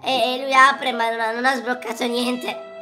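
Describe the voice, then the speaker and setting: A man voicing an excitable, dramatic little boy who squeals, shouts and sings out, in a gaming reaction video with game music behind. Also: very high-pitched, moderate pace. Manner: squealing, shouting and sing-song outbursts. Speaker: YouTuber.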